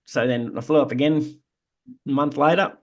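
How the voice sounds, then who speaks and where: A man's voice: medium pitch, steady tone, normal speed. An Australian man, podcast co-host, telling his own story in an earnest, reflective way. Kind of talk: casual chat.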